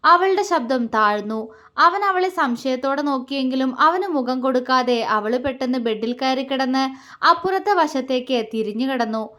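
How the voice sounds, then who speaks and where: A woman storyteller giving a calm, scripted narration of a romantic story. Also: high-pitched.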